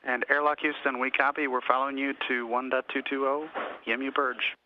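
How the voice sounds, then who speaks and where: A man at mission control answers in flat, clipped acknowledgments, his voice carried over breaking up space radio. It sounds muffled and dull, with a faint hiss and clicks, and his pitch barely moves. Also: a little fast. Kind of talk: ground radio replies. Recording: dull crackly radio link.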